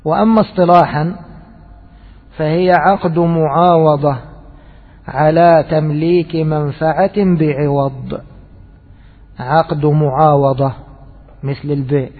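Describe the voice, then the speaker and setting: A man giving a religious jurisprudence lesson, repeating key phrases and asking the class rhetorical questions. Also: fairly high pitch. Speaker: Islamic jurisprudence teacher. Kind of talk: religious lecture. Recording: tinny phone-like lecture recording with long reverb.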